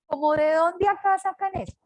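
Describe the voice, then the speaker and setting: An older woman from Colombia with a Colombian accent, teaching a class with a lively, joking manner. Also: extremely high pitch, moderate pace, a little hiss or hum, poor audio. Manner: lively, jokes with students. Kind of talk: online class lecture.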